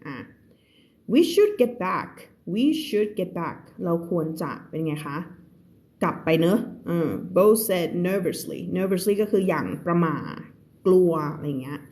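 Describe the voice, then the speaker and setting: A woman teacher on a live stream who reads English sentences aloud and explains them slowly in Thai, often repeating words. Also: fairly low pitch, a little mellow. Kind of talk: live reading lesson explaining a children's book. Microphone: streaming mic.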